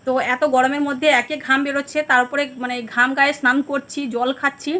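A woman vlogger with a Bengali accent, chatting casually to viewers at home about her day, rambling with many fillers, her voice a little hoarse. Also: high-pitched, level tone, quick pace, bright, forceful tone. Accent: Bengali (West Bengal). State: hoarse, throat going. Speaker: vlogger, housewife. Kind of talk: casual vlog chat to viewers.

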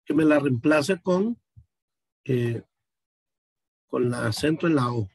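A man's voice: medium pitch, lively intonation, takes it slowly, slightly rough, dry recording. A man from Honduras teaching an online class over a video call, explaining patiently and speaking directly to his students.

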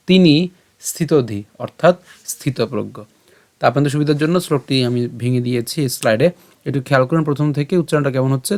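A man with a Bengali accent, teaching pronunciation of a Sanskrit verse step by step, chanting lines slowly between quick explanations. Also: medium pitch, vocal fry.

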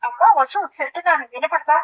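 A woman voicing a suspicious, quick-tempered young wife in a comic audio play, shrieking her accusations with theatrical outrage. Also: high-pitched, fairly bright tone, far from the mic, muffled recording. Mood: furious.

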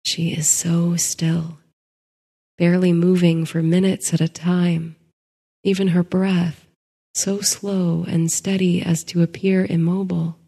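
Soft low woman reading a sleep story, super slow and flat, kinda husky, reverby sound. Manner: soft, hushed, drifting into whispers.

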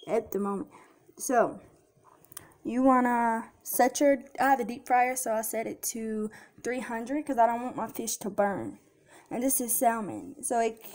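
A woman's voice: on the high side, a little mellow. A young woman chatting casually through a home cooking tutorial, filming on a handheld phone in her kitchen. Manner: chatty, addresses viewers as y'all and guys. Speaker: cooking vlogger. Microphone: handheld phone camera.

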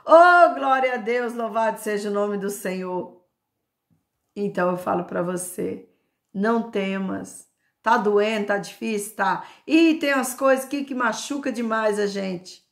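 A woman's voice: mid-range voice, vocal fry. An older woman with a Brazilian Portuguese accent, a grandmother giving an informal devotional sermon to her camera, fervent, stretching out repeated words and calling out praise. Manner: fervent, drawn-out emphatic repetitions and cries of praise. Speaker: home preacher and YouTuber.

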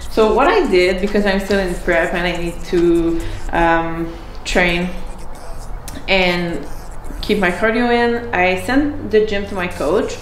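A woman's voice: lowish voice, slow pace. Chatty young woman in a roomy garage gym. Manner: chatty, hesitant fillers, light laughs. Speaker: fitness athlete. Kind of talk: casual vlog with training tips. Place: home garage gym and kitchen. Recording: roomy garage with hip hop music behind. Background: hip hop music.

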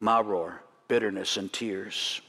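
A man's voice: on the low side, steady tone, slow pace, sharp tone. A man leading a congregation through the items of a Seder plate, teaching in a sermon style with light jokes and chuckles. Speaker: rabbi leading a Seder demonstration. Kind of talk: sermon demonstration. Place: church sanctuary. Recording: long church hall reverb.

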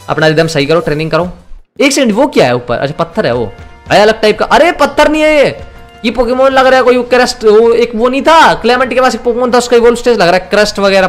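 A young man giving casual, jokey commentary while playing a video game, chatting to himself and to the game's characters. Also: high voice. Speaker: gaming YouTuber. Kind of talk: casual Let's Play commentary. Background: faint game music.

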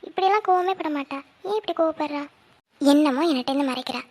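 Woman doing fretful cartoon mother, high voice, rapid, animated. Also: natural voice. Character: village mother, fretful, scolding.

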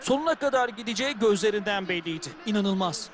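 A man's voice: high-pitched, expressive, fast talker. A man giving analytical football commentary as the second voice in a video game.

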